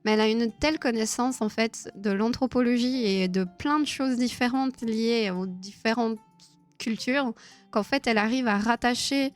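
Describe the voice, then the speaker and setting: A woman hosts a casual live stream, chatting with her viewers in a slightly high voice at normal speed while soft music plays. She laughs often and fills her talk with hesitations and restarts.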